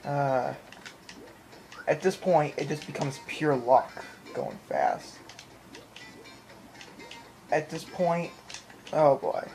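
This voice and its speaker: On the high side and creaky, this man speaks extremely slowly with long pauses, though his let's play commentary stays casual and excitable, full of repeated phrases and mimicked game sounds. The low-quality recording was made at home in front of a TV using a handheld camera or phone mic, with game music audible behind him.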